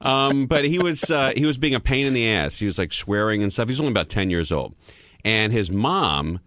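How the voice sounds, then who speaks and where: A man's voice: lowish voice, animated, brisk, fairly bright tone. A man hosting a radio talk show, trading jokes and telling rambling stories. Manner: joking, rambling storyteller. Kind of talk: casual radio banter. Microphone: studio microphone.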